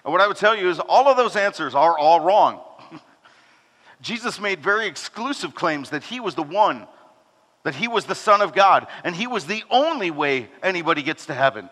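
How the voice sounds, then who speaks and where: A man preaching a sermon to his congregation in a conversational way, asking rhetorical questions and dropping low and soft when he speaks God's words. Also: sing-song, normal speed. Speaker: pastor. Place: church hall. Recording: long hall reverb.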